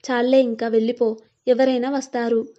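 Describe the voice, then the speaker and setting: A young bride-to-be, tender with her family and sharp in her comebacks, played by a woman narrator. Her voice is high and mellow, told as a storybook. The sound is somewhat dull and lo-fi. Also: level tone, close to an everyday voice. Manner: quick retorts.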